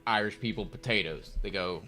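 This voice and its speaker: A young man from the United States talks a little fast in a lowish, sharp-toned voice during a casual chess live stream. His chat is loose and rambling, heavy on filler words, with quiet music in the background.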